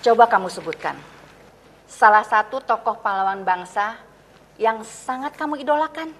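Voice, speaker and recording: A woman's voice: on the high side, lively intonation, normal speed, a little hiss or hum, close to an everyday voice. A woman playing a patient classroom teacher. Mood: instructive. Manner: instructive, questioning.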